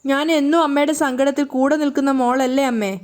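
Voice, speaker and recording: Woman voicing a caring, inquisitive young daughter, high-pitched. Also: steady tone, quick pace, a little mellow, close to an everyday voice.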